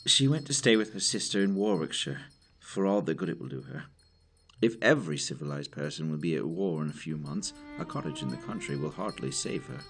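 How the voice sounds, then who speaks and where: A man playing a grave, weary older military doctor and leader in an audio drama, speaking in formal, measured phrases. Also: a bass voice, expressive, fairly bright tone, soft background music, heavily acted. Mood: exasperated, urgent. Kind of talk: audio drama acting with journal narration.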